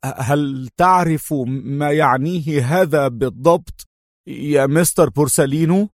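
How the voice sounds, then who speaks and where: A man voicing a nervous young police lieutenant who speaks high, tense and shaky. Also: moderate pace, a little mellow, dry recording, clean studio sound, natural voice. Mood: frightened.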